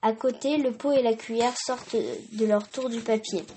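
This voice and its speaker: A woman's voice: fairly high pitch, steady tone, moderate pace, dark tone, a little hiss or hum. Woman reading a children's storybook.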